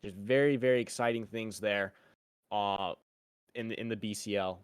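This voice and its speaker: An esports caster delivers live commentary, upbeat and building hype, stretching words and often repeating one mid-sentence while he hunts for the next. His voice is on the low side, steady and clean, at a normal speed. There's no room sound.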